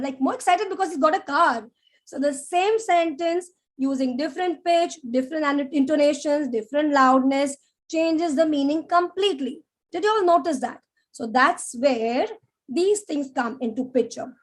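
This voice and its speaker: A woman teaching a live public speaking class, animated and demonstrative, often checking in with "yeah?". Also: high-pitched. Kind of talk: live online class lecture.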